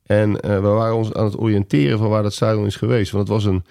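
A man with a Dutch accent hosting a casual podcast chat, measured and a little hesitant in delivery. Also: lowish voice, flat delivery, vocal fry, mellow, smooth, dry recording, studio quality. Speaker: podcast host.

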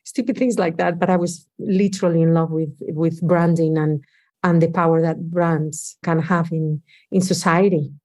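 Spanish-accented woman, mellow low voice. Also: steady tone, normal speed. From Spain. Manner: reflective, frequent restarts and "you know". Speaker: guest. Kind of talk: conversational interview.

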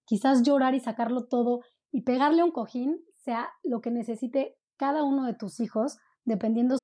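Woman, mellow tone, higher pitch; conversational guest. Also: moderate pace. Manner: warm explanatory, frequent "¿no?" tags. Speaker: parenting coach guest. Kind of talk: conversational interview.

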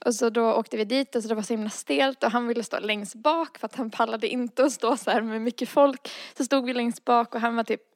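A woman's voice: fairly high pitch, fairly even intonation, few pauses, no echo, clean studio sound. A woman casually telling a personal story and acting out the dialogue in it, full of fillers. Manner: acts out quoted dialogue, frequent fillers.

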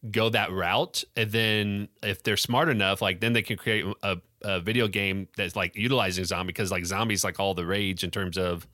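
A man co-hosting a podcast in casual chat, chatty and quick to laugh. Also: fairly low pitch, no room sound, clean studio sound. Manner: laughs often, animated and chatty. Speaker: podcast co-host.

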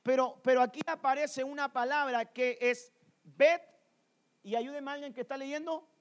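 A man's voice: very high-pitched, steady tone, normal speed. A man preaching a sermon to a congregation in a church, telling stories and firing rhetorical questions at the listeners.

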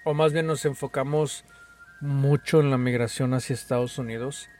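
Faint music plays behind this young Mexican podcast co-host as he talks casually in a steady, mid-range, darkish voice at moderate speed. His Mexican-accented chat is loaded with slang and swearing, and "güey" comes up constantly.

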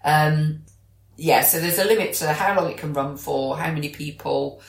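A British woman co-hosting a podcast chats casually and enthusiastically in a low, gravelly voice at normal speed. The recording has an echoey room sound.

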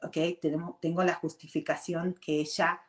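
A woman talks through her feelings and meditation practice to listeners. Her voice sits low for a woman, and she doubles back and restarts her phrases. The room around her is echoey. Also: flat delivery, moderate pace. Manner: earnest, restless, restarts phrases often, checks in with "ok?"; mixes in English words. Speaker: meditation and self-growth speaker. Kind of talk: reflective personal talk to an audience. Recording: roomy echo.

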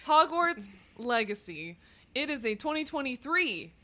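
A woman's voice: high voice, sing-song, unhurried, background noise. A woman co-hosting a podcast in casual, giggly, playful chat with friends. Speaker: podcast co-host.

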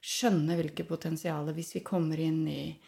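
A woman's voice: low voice, little pitch movement, vocal fry, dark tone. Earnest Norwegian woman in her sixties. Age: 60s. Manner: earnest, reflective, laughs often. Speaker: podcast guest. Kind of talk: casual chat.

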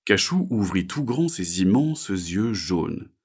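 A man narrates a children's story with gentle expression. His voice is husky and his pitch moves a lot. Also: very animated, takes it slowly.

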